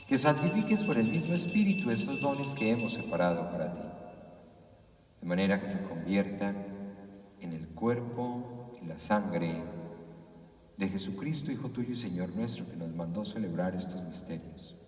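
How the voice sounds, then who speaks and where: A man's voice: sits low, darkish tone. A male priest, intoning the prayers of Mass solemnly and evenly, his voice ringing with cathedral echo. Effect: cathedral echo, heard from afar. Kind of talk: liturgical prayer. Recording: echoey church hall, distant mic.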